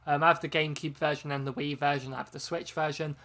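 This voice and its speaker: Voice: mid-range voice, little pitch movement, fast talker, pushed and bright. A host chatting casually on a long live stream, rambling with frequent ums and self-corrections, sounding tired from hours of talking. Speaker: game channel host.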